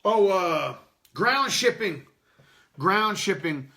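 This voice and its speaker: Bright-voiced rambling podcast host, a man. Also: sits high, lively intonation, slow pace. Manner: loose, rambling and profane, laughing often. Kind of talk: unscripted casual chat with live chat readers.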